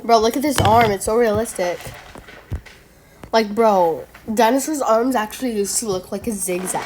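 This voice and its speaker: A woman's voice: fairly high pitch, big pitch swings, a little slow, pauses often, a little mellow, slight background noise. A woman giving casual reaction commentary, chatty and playful, who argues with herself and trips over long words. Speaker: video creator reacting to school myths.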